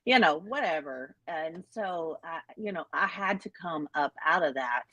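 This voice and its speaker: Low-voiced chatty woman guest. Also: measured pace, dull audio. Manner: animated, self-deprecating, lots of fillers. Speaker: guest, health coach and author. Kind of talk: casual interview chat.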